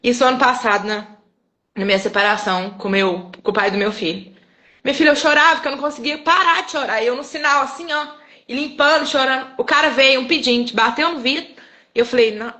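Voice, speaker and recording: A woman's voice: high-pitched, a little fast. A woman with a Brazilian accent, a guest sharing an emotional personal testimony and acting out the dialogue as she tells it. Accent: Brazilian Portuguese. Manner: expressive, animated storyteller who acts out dialogue. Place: live online broadcast.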